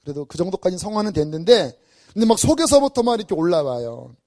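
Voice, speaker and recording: A man's voice: high voice, very animated, quick pace, warm tone. A male pastor preaching an early-morning sermon, telling stories animatedly and acting out his own inner reactions.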